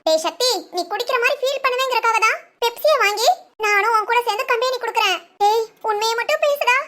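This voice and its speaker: A woman's voice: extremely high pitch, a bit bright. A woman playing a playful young wife who chats to herself with giggly asides in a village family comedy drama. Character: playful young wife scheming to get her husband drunk.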